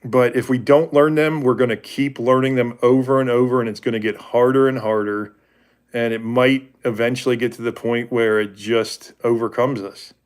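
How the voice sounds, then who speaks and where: A livestream host in his forties talks about faith with viewers in a medium-pitched, steady voice at a moderate pace. His casual talk is rambling and candid, often restarting and correcting itself.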